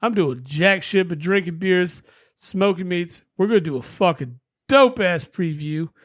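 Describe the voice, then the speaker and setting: High-pitched dude on a sports pod, brash, swears a lot, dry close mic. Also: male voice, lively intonation, a little slow, no echo. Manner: brash, swears freely, rattles off predictions. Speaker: podcast co-host. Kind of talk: casual sports chat.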